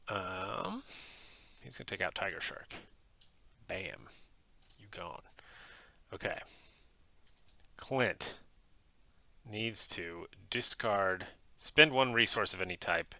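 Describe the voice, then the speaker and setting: Casual host, male: deep gravelly voice, bright tone, murmured card-game play-by-play from a home basement. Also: no echo. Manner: thinks aloud with frequent ums, quiet at times.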